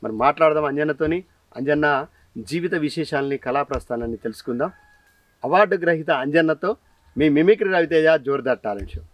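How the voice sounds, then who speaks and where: A man with a Telangana Telugu accent hosting a talent show and interviewing a guest, energetic and promotional. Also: a little high, brisk, a little hiss or hum. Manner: energetic, promotional, frequent mm-hm backchannels. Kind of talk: casual interview.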